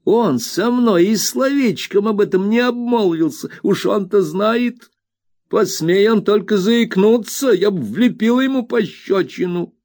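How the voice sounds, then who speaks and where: A man voicing a loyal, excitable middle-aged woman servant in an audiobook, with emphatic, drawn-out exclamations. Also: sits high, pitched above the performer's own voice. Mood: indignant. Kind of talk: audiobook character reading.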